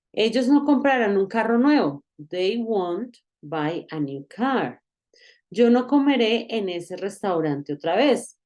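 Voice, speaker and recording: A woman's voice: medium pitch, mellow. A woman with a Colombian accent teaching an online English grammar lesson in Spanish, explaining patiently and stopping often to check that the learner follows. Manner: patient, explains slowly with many checks for understanding.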